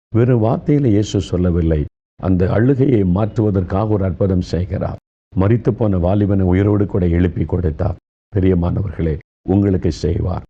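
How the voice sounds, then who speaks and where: A man preaching a sermon, speaking gently and consolingly, addressing listeners directly. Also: low voice, lo-fi sound.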